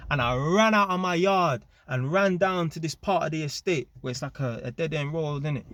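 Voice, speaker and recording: A man casually telling a story to camera, animated and full of street slang and tag questions. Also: fairly high pitch, normal speed, no room sound. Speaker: vlogger.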